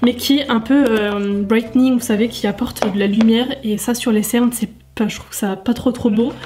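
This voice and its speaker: A woman's voice: fairly high pitch, a little mellow. A woman chatting casually to viewers while testing makeup, full of fillers and asides. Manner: chatty, many fillers, addresses viewers directly. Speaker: beauty vlogger. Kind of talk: casual makeup tutorial chat.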